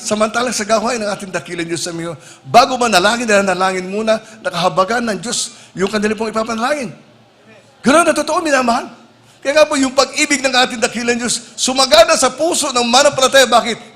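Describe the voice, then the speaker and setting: A man's voice: high voice, fairly bright tone. A man preaching a sermon who keeps addressing his listeners as beloved and mixes in English phrases. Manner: calls the listeners "minamahal ko" (beloved) over and over.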